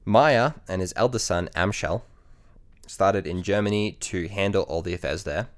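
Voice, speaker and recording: A man with a deep voice speaks at a moderate pace, co-hosting a podcast and casually telling a history story. He sounds relaxed but hesitant, filling his talk with frequent ums and restarts.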